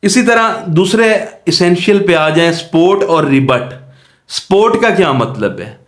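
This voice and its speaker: Speaking slowly but animatedly in a high-pitched voice, a man with a Pakistani accent lectures on law. He explains through worked examples, raising questions and supplying his own answers in a teaching style, and the recording has an echoey room sound.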